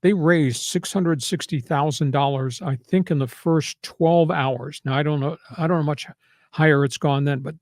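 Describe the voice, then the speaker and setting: A man's voice: on the high side, moderate pace, darkish tone, dry recording, studio quality. Emphatic older man hosting sports talk. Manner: emphatic, punchy, preachy rants.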